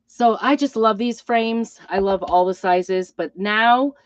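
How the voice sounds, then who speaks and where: A middle-aged woman with a hoarse, weakened voice from a hacking cough, rambling apologetically as she hosts a casual live craft demo. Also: mid-range voice, takes it slowly, no echo, lo-fi sound. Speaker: craft host and crafting product seller.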